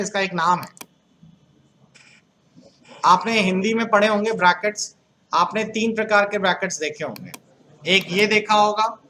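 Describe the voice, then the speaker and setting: In this classroom lecture, a man with an Uttar Pradesh Hindi accent teaches computers, asking the class questions and trading jokes with the students. His voice sits high and sounds bright and forceful, with slight background noise.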